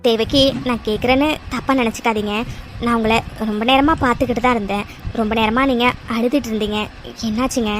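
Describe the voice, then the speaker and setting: A woman voicing a kind, concerned friend in a cartoon, gently sympathetic in her questions. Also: on the high side, fairly even intonation, fast talker, lightly acted. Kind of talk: cartoon dubbing. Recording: clear background music.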